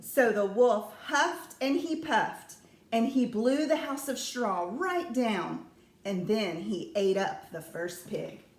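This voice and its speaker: Woman reading a kids story slow, roomy echo on it. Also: a little high.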